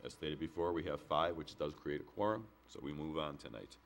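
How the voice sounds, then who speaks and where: An American man chairs a formal public meeting on microphone in a village board meeting room, keeping things plain and businesslike. His voice is a rumbling low with vocal fry, he speaks briskly, and his throat is sore as he gets over a cold. There is slight background noise.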